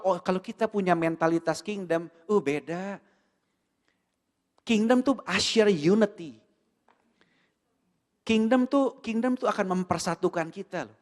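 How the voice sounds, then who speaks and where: A man with an Indonesian accent preaching a sermon in a church, animated and full of rhetorical questions, with English words mixed in. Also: high voice. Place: church hall. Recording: long hall reverb.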